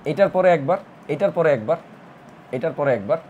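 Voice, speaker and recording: A man's voice: fairly high pitch, lively intonation, a little fast, a little mellow, muffled recording, a little hiss or hum. A man teaching a recorded math lesson, explaining step by step and repeating counts in rhythmic lists. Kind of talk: online admission-prep math lesson.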